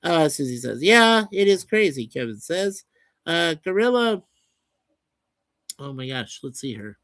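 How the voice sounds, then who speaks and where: A man's voice: on the high side, sing-song, unhurried, a bit bright, dry recording. A man hosting a livestream, casually reading out and answering viewer comments in a chatty, folksy way. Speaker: livestream host reading chat. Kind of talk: casual chat.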